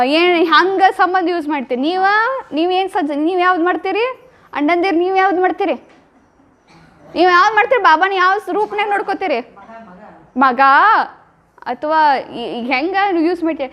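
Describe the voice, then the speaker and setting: A woman giving a devotional talk, retelling love stories with emotive, acted-out lines. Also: very high voice. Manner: emotive, acts out quoted lines. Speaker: spiritual speaker. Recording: dull lo-fi recording.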